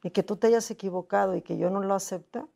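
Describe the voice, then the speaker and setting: A woman's voice: medium pitch, steady tone, fast talker, gravelly, mellow. A middle-aged Mexican woman, a guest in an interview, telling a personal story with emotion, often repeating herself and acting out what others said to her. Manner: repetitive, acts out quoted voices.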